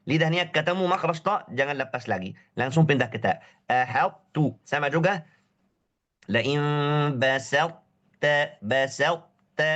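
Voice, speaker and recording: A man's voice: fairly high pitch, expressive, a bit bright. Man with a cold teaching recitation. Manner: drawls out Arabic words slowly to demonstrate pronunciation; repeats short syllables and phrases for drilling. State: has a cold. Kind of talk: online tajweed lesson.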